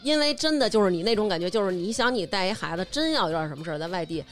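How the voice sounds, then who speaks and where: A woman with a Beijing accent telling a personal story in casual chat. She is animated and repeats herself as she goes. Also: medium pitch, racing, faint music behind. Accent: Beijing Mandarin.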